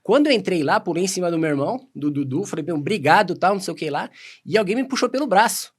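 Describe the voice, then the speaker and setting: A Brazilian man talking at a rapid clip with a fairly high voice. He tells his stories casually and animatedly, jumping into quoted dialogue as he goes. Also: breathy edge. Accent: Brazilian Portuguese. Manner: animated, quick anecdotes full of quoted dialogue. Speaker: podcast guest. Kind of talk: casual storytelling.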